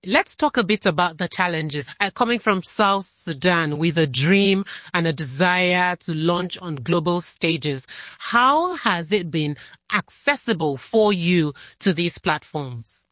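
A woman interviewer asking measured, probing questions, with the odd small hesitation. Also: fairly low pitch, lively intonation, a bit bright, dry recording, clean studio sound. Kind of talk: broadcast interview.

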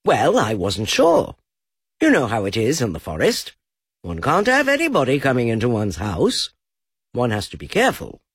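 A man's voice: mid-range voice, wildly swooping pitch, normal speed, husky, no room sound, studio quality, exaggerated voice. A man voicing a fussy, cautious male rabbit who talks in a prim way.

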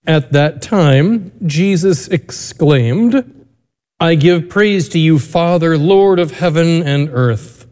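A man, a priest reading the Gospel and giving a homily in a measured, deliberate way, his voice ringing with cathedral echo. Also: on the high side, animated, a little mellow. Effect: cathedral echo, long reverb of a large church. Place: large church. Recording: long church reverb.

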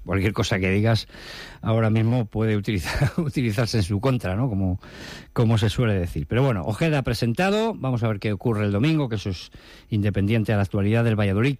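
A man's voice: fairly low pitch, a little mellow, no room sound. A man reporting sports news on the radio in a conversational way with fillers.

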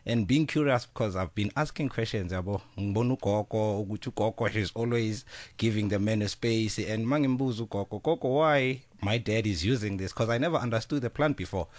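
A man's voice: on the low side, a little fast, few pauses, darkish tone, no room sound. A South African man talking as a studio guest in a radio interview, casual and full of fillers, dropping Zulu words into his talk. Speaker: studio guest, business founder.

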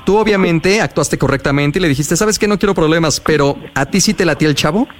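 A man with a Mexican accent hosting a call-in radio show, lively, slangy and affectionate with his callers. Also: fairly high pitch, fast talker, slight background noise.

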